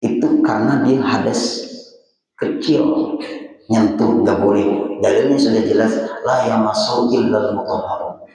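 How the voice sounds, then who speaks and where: A man's voice: lowish voice, fairly even intonation, unhurried, dark tone. A religious teacher with a Banjarese accent gives a dawn study talk to a congregation, firing rhetorical questions at his listeners. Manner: fires rhetorical questions at the audience. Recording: echoey hall, distant mic.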